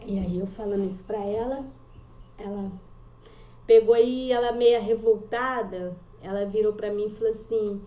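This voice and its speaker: A woman's voice: mid-range voice, warm tone, slight background noise. A woman, a mother, telling an emotional religious testimony in an earnest, repetitive storytelling way. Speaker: mother giving a faith testimony. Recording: roomy echo, slightly dull sound.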